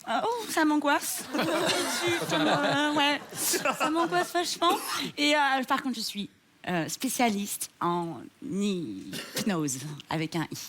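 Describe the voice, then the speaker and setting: A woman's voice: high-pitched, animated, slow pace, background noise. A woman doing a tipsy flirt. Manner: hesitant, giggly.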